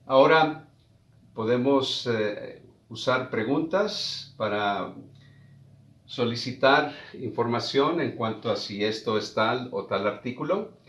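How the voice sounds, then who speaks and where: A man teaching a beginners' language lesson, slowly repeating example sentences and explaining rules. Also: mid-range voice, fairly bright tone, reverberant. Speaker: English teacher. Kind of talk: slow classroom explanation.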